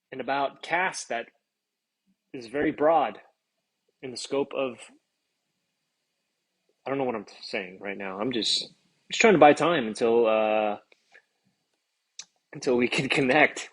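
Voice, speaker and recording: A man with a slightly husky, mid-pitched voice talks casually on a phone livestream. He rambles and fills time with self-aware chatter, then chats with a guest in an upbeat way. He is an actor promoting his film. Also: rough recording.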